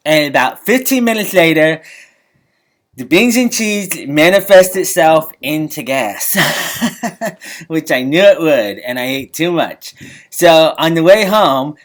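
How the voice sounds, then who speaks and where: A man telling a comic story in an awkward, halting way, repeating himself and chuckling between phrases. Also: fairly high pitch. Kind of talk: comedic storytelling to camera.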